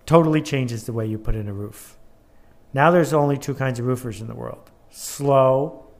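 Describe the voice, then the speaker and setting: A man's voice: mid-range voice, moderate pace, a little mellow. Emphatic male presenter giving a motivational talk. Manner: emphatic, building points through repetition and rhetorical questions. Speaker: presenter walking through his own workbook.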